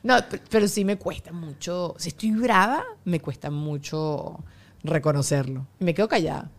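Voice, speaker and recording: A woman hosting a casual chat, animated and teasing, laughing often. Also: low-pitched, normal speed. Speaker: podcast host.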